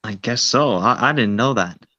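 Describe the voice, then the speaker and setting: A man's voice: medium pitch, lively intonation, moderate pace, sharp tone, dry recording. Man on a glitching, breaking-up mic. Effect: glitching, breaking-up mic audio. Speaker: guest on a live fan stream. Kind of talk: casual chat. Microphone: remote call mic. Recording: dull, dry, glitchy remote mic.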